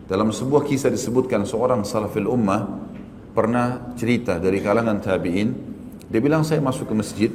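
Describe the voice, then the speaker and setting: A man's voice: mid-range voice, darkish tone. A man preaching a sermon in an earnest, emphatic, conversational way. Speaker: Islamic preacher. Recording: long hall reverb, faint background noise.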